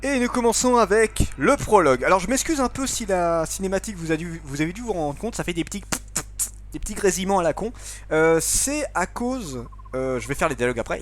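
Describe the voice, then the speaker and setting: A man's voice: fairly high pitch, slight background noise. A man casually commenting on a video game he plays, chatty, apologetic and self-mocking. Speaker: let's play gamer.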